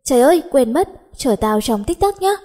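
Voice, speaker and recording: A woman's voice: medium pitch, fairly quick, darkish tone, lightly acted. Woman reading as a lazy playful schoolgirl. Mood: joking. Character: playful lazy teenage schoolgirl, sleepy best friend.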